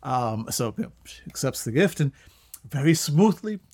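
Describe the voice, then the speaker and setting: A man's voice: medium pitch, very animated, normal speed, darkish tone. A man narrating as game master in a casual, hesitant way, with frequent restarts.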